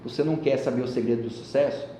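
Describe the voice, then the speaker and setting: A man voicing a calm, patient old sage who speaks slowly, low and quietly. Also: lightly acted. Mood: calm, firm. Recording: echoey hall with faint rumble.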